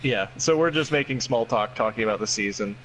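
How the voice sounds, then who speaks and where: A man player in a tabletop game, talking casually in a mid-pitched voice. He stammers a little as he starts his thoughts. There is faint noise in the room. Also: brisk, fairly bright tone, poor audio.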